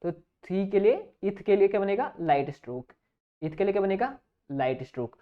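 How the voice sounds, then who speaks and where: A man teaching a shorthand class online. He keeps asking questions and answering them himself, and he sounds out example words slowly and repeats them. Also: high voice, big pitch swings. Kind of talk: online exam-prep lesson. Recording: dull lo-fi recording.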